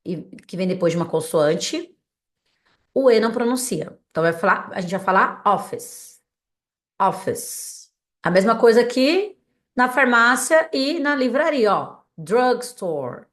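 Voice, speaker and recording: Brazilian woman teaching English vocabulary. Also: mid-range voice. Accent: Brazilian Portuguese. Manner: drills words slowly and clearly, with frequent "tá?" checks. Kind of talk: recorded online lesson, casual and direct.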